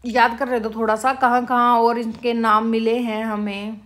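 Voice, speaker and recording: Lady teacher, bright clear voice, keeps quizzing the class, calls them beta. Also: fairly high pitch, flat delivery. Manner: slow, repetitive, quizzing students with questions. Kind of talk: exam-prep lesson.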